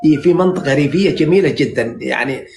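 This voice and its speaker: A man in his sixties speaks with a Najdi Saudi accent, rattling on at a very fast clip in a slightly high voice. He rambles and flatters, stacking fillers and restarting his sentences. He is talking into a phone on a live stream. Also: a crowd in the background. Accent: Najdi Saudi Arabic. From central Saudi Arabia. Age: 60s. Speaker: dream interpreter on a live stream. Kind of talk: casual live chat.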